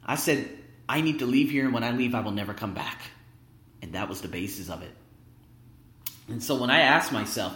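A man's voice: a little high, fairly bright tone. A man hosting a podcast, giving an emphatic motivational monologue straight to his listeners, full of rhetorical questions, in a big echoing room. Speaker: podcast host. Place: indoor room at work. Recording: echoing, roomy sound in workplace room.

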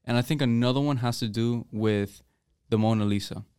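A man's voice: mid-range voice, brisk, a little mellow, smooth, no echo, clean studio sound. A teenage boy with an American accent hosting a student podcast, rambling casually with many fillers and restarts. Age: teens. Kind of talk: casual chat.

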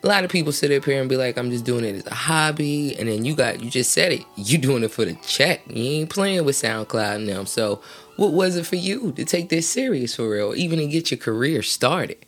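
Lively Southern woman hosting an interview. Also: very deep voice, a little fast, faint music behind. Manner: lively, playful, slangy. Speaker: interview host. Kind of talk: casual interview.

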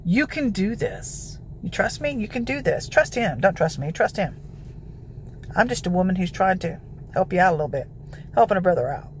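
A woman with a gravelly voice giving informal, emphatic devotional exhortation as a prayer preacher. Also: medium pitch, big pitch swings, normal speed, slight background noise. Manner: emphatic, declarative, peppered with scripture citations.

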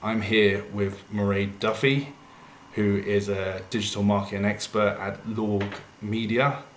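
A man's voice: fairly low pitch, little pitch movement, measured pace. A man hosting a casual podcast interview. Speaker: podcast host. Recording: echoey room, faint noise.

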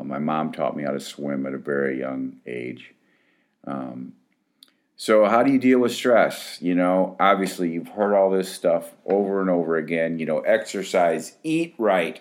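A man in his fifties, an addiction counselor, talking casually to his clients in a rambling, frank way full of restarts. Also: extremely low pitch.

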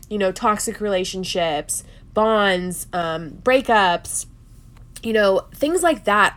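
A woman hosting a solo podcast in an earnest, confiding way, sounding nasal and stuffed up, as if under the weather. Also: medium pitch. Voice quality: nasal, congested. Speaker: podcast host.

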